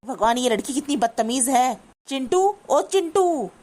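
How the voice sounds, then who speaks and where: A woman's voice: sits high, fairly quick, close to an everyday voice. A woman voicing a bossy, scolding older mother-in-law in a cartoon. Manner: scolding, complaining. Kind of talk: cartoon voice acting.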